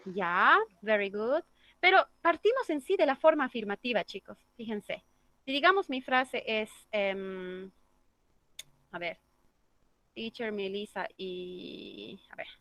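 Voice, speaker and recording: A woman's voice: a little high, animated, measured pace, pushed and bright. A woman teaching an English grammar class, explaining step by step and checking in with the class through tag questions. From Bolivia.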